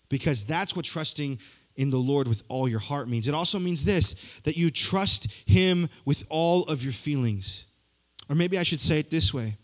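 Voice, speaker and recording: A young man preaching a sermon in a church, energetic and conversational, building points through repetition. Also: fairly high pitch. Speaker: youth pastor.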